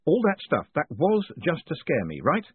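Guy doing a jumpy young swindler, wry and fed up, raspy dry sound. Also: a little high, huge pitch swings, moderate pace, no echo, phone-quality sound, voice pushed up, exaggerated voice. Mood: nervous. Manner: wry, slightly exasperated. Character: nervous young male con man, wry.

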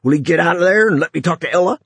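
A man voicing a frantic, short-tempered businessman who speaks hoarsely and out of breath. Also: fairly high pitch, huge pitch swings, moderate pace, pushed and bright, dry recording, pitched above the performer's own voice, full character voice. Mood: frantic, angry.

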